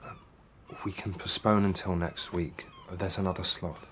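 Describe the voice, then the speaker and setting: An actor playing a worried fiancé who nags anxiously and teases dryly. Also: male voice, sits low, steady tone, moderate pace, fairly bright tone, a little hiss or hum. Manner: anxious, dry teasing. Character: worried, teasing young fiancé.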